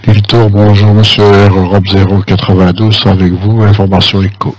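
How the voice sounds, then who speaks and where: A man's voice: on the low side, flat delivery, normal speed, a little mellow. A man speaking as an airline pilot, making polite procedural readbacks to air traffic control. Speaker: airline pilot in online flight simulation.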